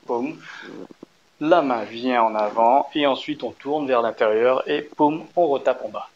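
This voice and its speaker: In a casual dance tutorial, an upbeat male instructor with a medium-pitched voice leads viewers through a routine one step at a time, counting the beats out loud. He's encouraging and keeps checking in with short, quick questions. The audio is a bit dull, with a faint room hum underneath.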